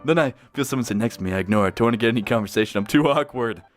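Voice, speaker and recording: A man reading fan fiction aloud, breaking off often with excited, gushing reactions and laughter. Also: mid-range voice, racing.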